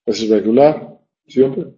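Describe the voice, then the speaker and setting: A man's voice: mid-range voice, measured pace, mellow, reverberant. A male teacher giving a classroom lecture, thinking aloud and reciting verse lines with stressed beats. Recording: dull lo-fi classroom recording.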